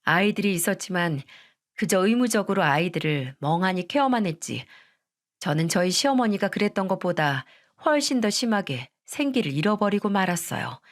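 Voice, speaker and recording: A woman's voice: mid-range voice, expressive, moderate pace. A woman narrating a first-person story in an earnest, confessional way.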